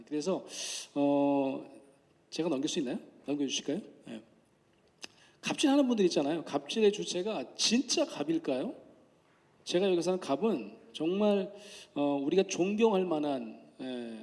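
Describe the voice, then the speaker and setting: A male professor gives a public lecture, chatting with the audience and acting out voices when he tells stories. His voice sits a little high for a man. The sound carries a long hall reverb. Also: darkish tone. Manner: conversational, asks the audience questions; acts out quoted voices in anecdotes.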